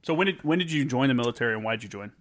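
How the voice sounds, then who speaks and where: A man's voice: mid-range voice, expressive, racing, fairly bright tone. A man in his thirties hosting a podcast, asking a fellow veteran chummy questions. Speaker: podcast host, Marine veteran. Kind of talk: casual podcast interview.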